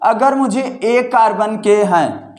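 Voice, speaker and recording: A man's voice: high-pitched, takes it slowly. A man teaching a chemistry lesson, asking questions aloud and answering them himself. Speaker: chemistry tutor. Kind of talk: classroom-style lesson. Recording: echoey room.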